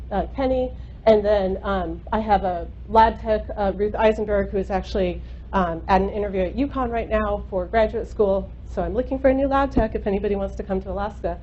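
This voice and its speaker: A microbiologist in her thirties, invited as a guest speaker, gives a university seminar lecture to a room full of listeners. Her mid-range voice is naturally loud, and she explains things casually with plenty of ums and uhs. Recorded on a lecture microphone, the sound is slightly muffled, with a faint hum underneath.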